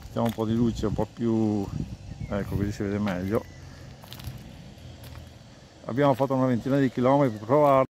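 A man's voice: fairly low pitch, fairly even intonation, a little fast, pauses often, darkish tone. A man chatting casually to viewers as a motovlogger, rambling and repeating his phrases. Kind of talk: casual vlog chat to viewers. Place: outdoors, on and beside a motorcycle. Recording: road and engine noise, helmet action camera.

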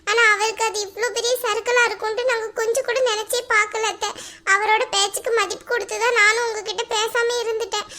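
A pleading young wife in a cartoon family drama, voiced by a woman. The voice sits very high and bright, and the lines come out emotional and imploring. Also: level tone, fast talker. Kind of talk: animated family drama dialogue.

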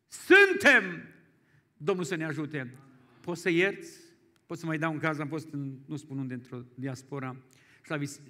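A male pastor preaching a folksy storytelling sermon, moving from quiet asides to loud exclamations. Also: fairly high pitch. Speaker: guest pastor.

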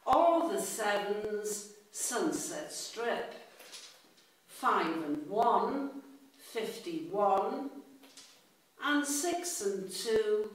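Woman, bingo caller, set formulaic calls, drawn-out pace, distant from the mic. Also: medium pitch. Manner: deliberate, formulaic calling with set rhyming phrases. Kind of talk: calling out bingo numbers. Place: indoor room with bookshelves. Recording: echoey room, distant from the mic.

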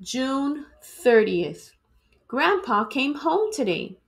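A woman whose voice sits high reads a children's storybook aloud at a very slow pace. Her style is expressive and dramatic, as a teacher's might be for students.

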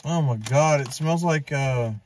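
A man's voice: on the high side, measured pace. A man in his thirties giving short, casual, crude snack-review remarks in a parked car while crunching chips. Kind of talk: casual food review chat, crude joking. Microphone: camera on dashboard, a little away. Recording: slightly distant, noisy crinkling and clicking.

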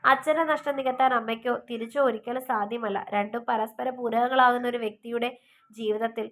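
A woman narrating a love story in a steady, even reading manner. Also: fairly high pitch, a little fast.

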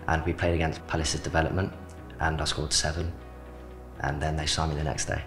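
Here a South London-accented academy footballer, a young man in his late teens, responds to interview questions briefly and plainly, leaning on "like" as filler. His rumbling low voice is flat and a little fast. The setting is an indoor club media studio, recorded on a handheld mic with background music.

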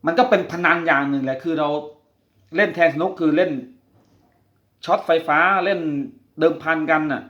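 Fairly bright and on the high side, this man's voice moves at a moderate pace as he hosts a podcast on giving up gambling. Earnest and confiding, he tells his personal story and puts direct questions to listeners, recorded with a roomy, dull lo-fi sound.

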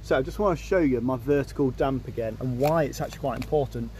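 A man's voice: mid-range voice, quick pace, dark tone. A young man, a bricklayer explaining his job step by step in a casual on-site vlog, recorded outdoors on a building site. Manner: plain-spoken, explains his work step by step. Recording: outdoor site noise behind the voice.

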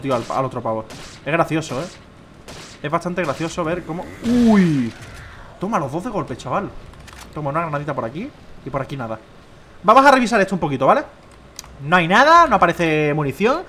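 A young man with a Spain Spanish accent, chatting slangily through his own gameplay, rambling and swinging between excited shouts and low muttering. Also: slight background noise. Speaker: gameplay streamer. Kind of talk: casual gameplay commentary.

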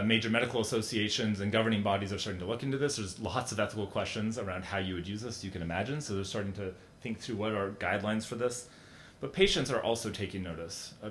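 Middle-aged man, keynote speaker, low voice, roomy hall sound. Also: fast, fairly bright tone. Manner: conversational, with frequent fillers and restarts. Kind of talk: conference keynote talk. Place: large conference hall. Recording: echoey hall, faint rumble.

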